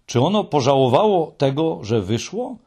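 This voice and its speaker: A man reading aloud and voicing an excitable, emotional young male troll creature who exclaims loudly. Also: fairly high pitch, normal speed, breathy edge, exaggerated voice. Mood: frightened.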